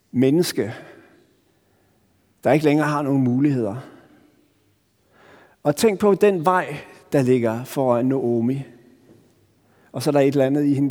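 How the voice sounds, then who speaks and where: A Danish man preaching a sermon as pastor, earnest and searching, often restarting phrases and pausing for emphasis. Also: medium pitch, mellow. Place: church. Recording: long church reverb.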